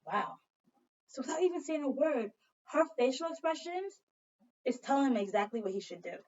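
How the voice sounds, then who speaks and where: A woman teacher reading a picture book aloud to young children, expressive and pausing to ask them questions. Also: high voice. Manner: expressive, animated storybook reading with questions to pupils. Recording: dull, distant lo-fi recording.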